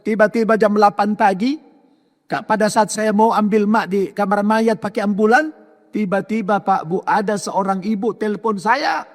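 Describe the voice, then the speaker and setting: Middle-aged preacher with a lilt. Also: male voice, high-pitched, steady tone, normal speed. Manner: dramatic, acts out the people he quotes. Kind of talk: storytelling sermon. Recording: long hall reverb.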